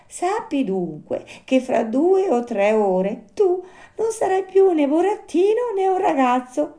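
Storybook: a squeaky, gentle little marmot, played by a woman, slow and consoling. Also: big pitch swings, full character voice. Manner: slow, soft, sighing and sympathetic. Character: kindly little female marmot, gentle and sad.

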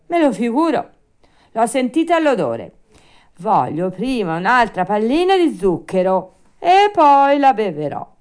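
A woman voicing a stubborn, whiny wooden puppet boy, shrill and wailing. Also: big pitch swings, a little slow, a little mellow, clear, resonant tone.

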